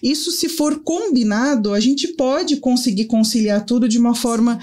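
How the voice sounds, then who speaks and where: Brazilian woman, talk show guest, animated storytelling, voices quoted dialogue. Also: on the high side, moderate pace. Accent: Brazilian Portuguese. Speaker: guest, life coach and psychotherapist. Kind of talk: casual talk show conversation.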